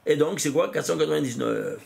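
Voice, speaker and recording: A man's voice: fairly high pitch, fairly quick, gravelly, a little mellow. A man, a rabbi teaching a Kabbalah lesson, who asks and answers his own questions and repeats phrases for emphasis. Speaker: rabbi teaching a Torah class. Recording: echoey room with faint ambient noise.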